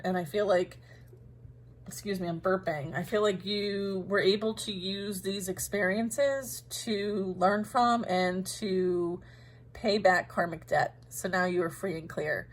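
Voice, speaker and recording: A woman's voice: on the low side, a bit bright. A woman giving a casual, rambling tarot reading directly to her listeners, talking with many fillers and often laughing at herself. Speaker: tarot reader.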